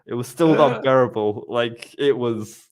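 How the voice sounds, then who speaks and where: A man hosting a casual live-streamed podcast, rambling with frequent restarts. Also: mid-range voice. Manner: rambling, with many restarts and quick laughs. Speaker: podcast host.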